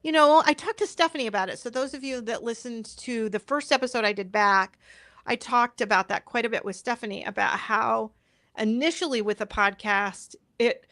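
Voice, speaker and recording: A woman's voice: on the high side, normal speed, a bit bright, no room sound, clean studio sound. A woman podcast host chatting casually on a live stream, informal and apologetic, thinking aloud as she goes.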